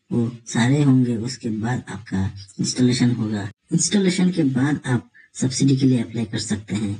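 A man's voice: mid-range voice, slightly rough, poor audio. A man narrating a screen tutorial, walking viewers step by step through an online form and calling them friends. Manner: steady step-by-step explaining, addresses viewers as friends. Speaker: tutorial presenter.

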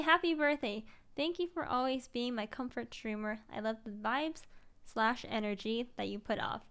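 A tired young woman streamer chatting casually as she reads viewer messages aloud, gushing and emotional, sometimes dropping to a soft whisper. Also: fairly high pitch, clean tone.

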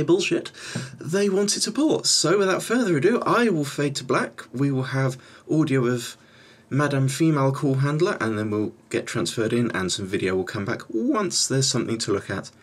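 A man in his thirties talking casually, with noise on the recording. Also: mid-range voice. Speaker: video maker playing along as call recipient. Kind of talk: casual talk and phone conversation. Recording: clear background noise and clicks.

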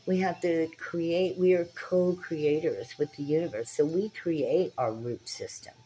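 A woman in her sixties, a spiritual tarot vlogger, talks casually but earnestly to a phone camera held at arm's length in a small dim room, preaching directly to her viewers. Her voice is low and mellow with a measured pace, and the audio is poor with slight background noise.

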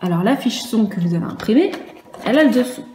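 A woman teacher leads a lesson for young children, her slightly high, mellow voice moving at an unhurried pace. She patiently spells words out letter by letter. The room sounds echoey, with a faint hiss of noise behind her. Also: expressive. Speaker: primary school teacher. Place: room at home for a virtual class.

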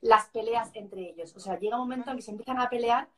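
A woman from hosting a live video chat, asking questions in a quick, conversational way. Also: on the high side. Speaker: host.

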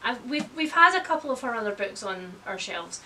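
In poor audio with a slight hiss or hum, a woman in her thirties chats about books in a little-high, expressive, sharp voice at a fairly quick clip. She hosts the video from a room full of bookshelves, blunt and wry with a bit of mild swearing.

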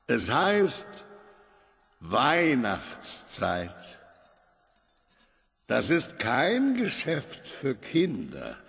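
Santa Claus for radio play: pompous orator, very slow, swooping pitch, reverberant hall. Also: male voice, huge pitch swings, gravelly, a bit bright, faint music behind, heavily acted. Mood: solemn, grandiose. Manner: declamatory, pompous, drawn-out pauses. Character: grandiose Santa Claus rallying his recruit boys. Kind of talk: theatrical audio drama speech.

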